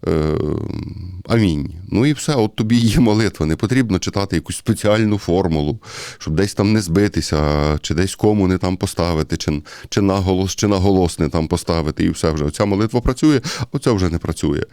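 A man's voice: low voice, fast talker, dark tone, clean tone, dry recording, studio quality. A man with a Ukrainian accent giving a conversational sermon-style Bible commentary, speaking directly to his listeners and often hesitating. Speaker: priest.

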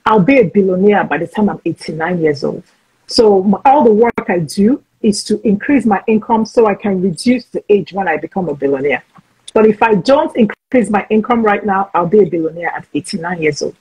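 A woman's voice: mid-range voice, animated, fairly quick, darkish tone, husky, low-quality recording. A woman in her forties hosting a casual video-call interview, frank and chatty, often restarting her sentences. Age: 40s. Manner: chatty, frank, talks over herself with restarts. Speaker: host.

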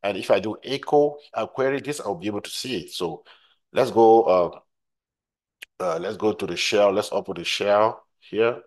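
Deep-voiced man teaching on screen. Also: moderate pace. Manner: repeats points, frequent "right?" checks. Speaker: tutorial instructor. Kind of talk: screen-recorded software tutorial.

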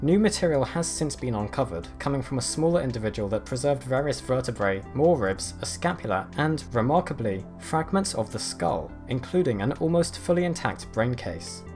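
A man narrating a scripted nature documentary in a measured, explanatory way. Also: mid-range voice, expressive, darkish tone. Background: background music.

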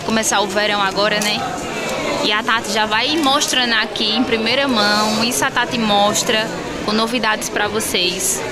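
Chatty woman vlogging in a noisy market. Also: a little high. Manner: chatty, enthusiastic, asks sellers prices. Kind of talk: casual shopping vlog. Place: busy indoor market stalls. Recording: loud crowd noise from a busy market. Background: loud market crowd.

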